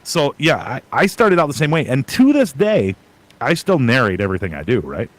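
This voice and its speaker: A man who is a guest streamer, chatting casually on a panel and thinking out loud in long run-on advice. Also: mid-range voice, big pitch swings, fairly quick, low-quality recording.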